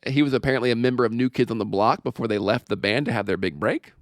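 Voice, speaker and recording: A man's voice: medium pitch, fast talker, no echo, clean studio sound. A male comedian chatting casually as a podcast guest, joking and laughing often.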